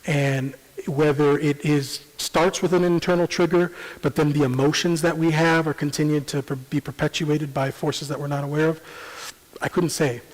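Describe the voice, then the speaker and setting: A man presenting a parenting seminar in a church, explaining at a measured pace with frequent ums and uhs. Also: on the high side. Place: church sanctuary. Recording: long church hall reverb.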